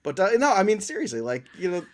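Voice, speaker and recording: A man's voice: high voice, huge pitch swings, quick pace. Guy guesting on a football podcast, laughs a lot, joking around. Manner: laughs often, jokey. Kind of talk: casual podcast chat.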